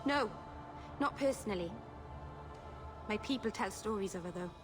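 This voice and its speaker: A woman's voice: medium pitch, animated, normal speed, over music, lightly acted. An actress playing a shy, earnest young elf woman, a mage who speaks hesitantly and apologetically in video game dialogue. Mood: solemn, earnest.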